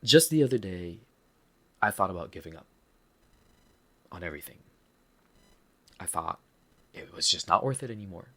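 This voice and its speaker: Speaking in a low, sharp, animated voice at normal speed, a Filipino-accented man reflects on a personal setback on his podcast, pausing often. He is candid and earnest, with flashes of self-deprecating humor.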